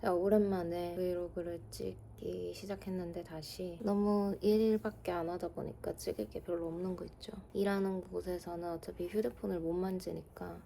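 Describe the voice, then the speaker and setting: A woman's voice: lowish voice, flat delivery, normal speed, vocal fry, few pauses, dark tone, a little hiss or hum. A woman vlogger from Korea talking to the camera in a chatty, rambling way with many fillers. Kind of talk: casual vlog talk to camera.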